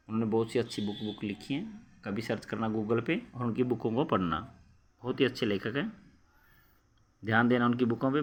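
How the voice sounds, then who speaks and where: A man's voice: medium pitch, fairly bright tone. Man explaining a story lesson to children. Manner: reads a line, then re-explains it in simple words with many fillers. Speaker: teacher.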